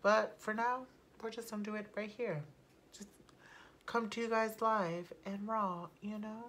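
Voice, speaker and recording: A young woman talking casually through her makeup routine at home, chatty and unfiltered, swearing offhandedly and sometimes dropping to a soft murmur. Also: medium pitch, fairly even intonation, measured pace. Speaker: beauty vlogger. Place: at home, not in a studio.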